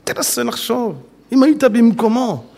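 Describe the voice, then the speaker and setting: A man's voice: very high-pitched, gravelly, a little mellow. A male preacher delivering an emphatic sermon with stories and rhetorical questions, often addressing his listeners directly. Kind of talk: Hebrew sermon with storytelling.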